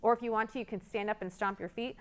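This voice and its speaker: This children's librarian runs a storytime, telling stories interactively and guiding young listeners with questions. She has a medium-pitched, steady voice and talks fast, with a little hiss or hum in the background.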